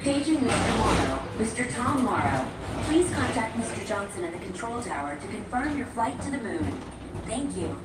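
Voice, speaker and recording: A woman gives a calm, measured paging announcement over a public-address loudspeaker. Her voice reaches the mic from a distance, echoing and lively in pitch. Loud outdoor noise surrounds it. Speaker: park PA announcer. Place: outdoor theme park, heard over loudspeakers.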